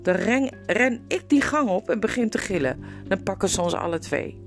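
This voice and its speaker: A woman's voice: medium pitch, very animated, moderate pace, soft background music. A woman reading a storybook aloud and voicing a bold, determined young runaway girl who speaks firmly and urgently. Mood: stern. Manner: firm and urgent.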